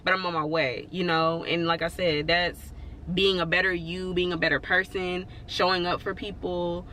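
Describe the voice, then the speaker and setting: Chatty bright-voiced woman vlogger. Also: on the low side, level tone, normal speed, slight background noise. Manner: chatty and rambling, full of "like" and "you know"; encouraging, reassuring. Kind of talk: casual motivational talk to camera.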